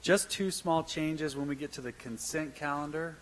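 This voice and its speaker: A man's voice: fairly high pitch, normal speed, rough recording. A man, a city official, presenting agenda items at a council meeting in a businesslike, explanatory way. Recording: faint background noise.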